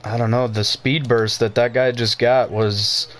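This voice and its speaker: A man's voice: mid-range voice, flat delivery, unhurried, fairly bright tone. A man giving casual commentary while playing a football video game, muttering play-by-play and cursing in frustration. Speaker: gaming video creator.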